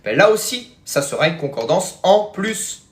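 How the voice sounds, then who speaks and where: A man's voice: high voice, big pitch swings, normal speed. Chatty man rambling to his viewers. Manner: rambling, many fillers and "hein", calls viewers "les amis". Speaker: spiritual teacher hosting a live stream. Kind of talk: casual live-stream chat answering viewers.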